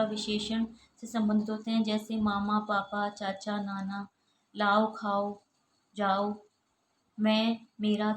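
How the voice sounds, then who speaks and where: A woman who is an assistant professor, giving a recorded college lecture and going steadily through lists of examples. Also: mid-range voice. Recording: echoey room with faint ambient noise.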